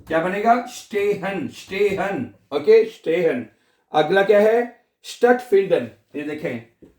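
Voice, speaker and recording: A man teaching a language lesson, repeating each word slowly and asking and answering his own questions. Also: high voice, darkish tone, echoey room.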